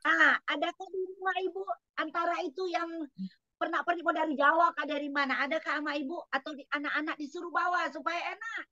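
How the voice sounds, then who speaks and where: High, bright-voiced woman examiner, instructive and probing, acting out classroom scenes; dry, slightly dull recording. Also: steady tone, fairly quick, no echo. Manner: instructive, questioning, acts out classroom examples. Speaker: exam lecturer giving feedback. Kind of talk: spoken feedback to a trainee teacher.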